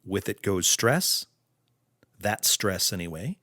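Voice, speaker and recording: A male podcast host giving an earnest, preachy motivational monologue in slow, deliberate phrases. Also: low-pitched, lively intonation, sharp tone, no echo, studio quality.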